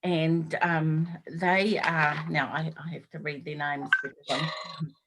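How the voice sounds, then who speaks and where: A woman interviewer speaks very slowly, pausing often on "um" as she sets up her questions. Her voice sits a little low for a woman. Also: level tone, a bit bright, low-quality recording. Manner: hesitant, many "um"s. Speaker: interviewer host.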